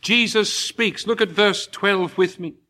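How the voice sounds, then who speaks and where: High-voiced slow emphatic preacher man. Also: bright, forceful tone. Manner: slow, emphatic preaching with rising impassioned peaks. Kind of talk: sermon.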